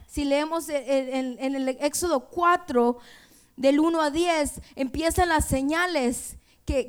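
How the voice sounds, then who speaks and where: A woman preaching a sermon in an earnest way, retelling scripture quoted dialogue and slipping in words. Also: high voice.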